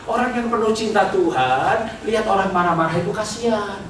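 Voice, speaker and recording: A pastor with a high-pitched, fairly bright voice preaches a little fast at a church retreat, humorous and teasing and laughing often with the congregation. He acts out people's prayers in mocking voices. The recording is echoey, made in a hall with a distant mic and background noise.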